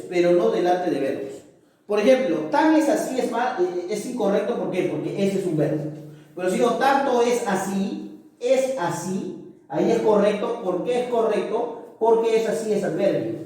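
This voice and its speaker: A man's voice: high voice, dark tone, far from the mic. A male teacher giving a grammar lesson, checking in with his students after nearly every point. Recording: echoey room, voice off-mic.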